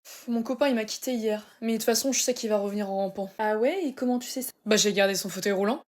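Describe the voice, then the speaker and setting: A woman's voice: medium pitch, fast talker. A young woman performing comedy sketches, snappy and sarcastic, switching between characters.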